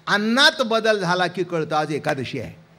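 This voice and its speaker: Lively high-voiced kirtan preacher. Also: male voice, a little slow, a little hiss or hum. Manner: theatrical, acts out dialogue, asks the audience questions. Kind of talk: devotional kirtan sermon with storytelling.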